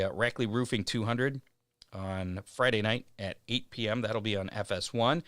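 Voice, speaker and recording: Low-voiced man reading racing schedules. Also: a bit bright, clear, resonant tone, no room sound, studio quality. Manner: reads schedules with frequent "uh" pauses. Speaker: racing show host. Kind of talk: casual racing news rundown.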